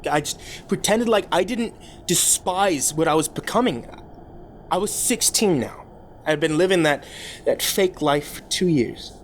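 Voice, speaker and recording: A man playing a troubled rich young man confessing a cruel past in a halting, stammering way, as a dramatic horror story monologue. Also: a little high, lively intonation. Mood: guilty, confessional. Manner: halting, confessional, stammering over repeated words. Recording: clear background noise.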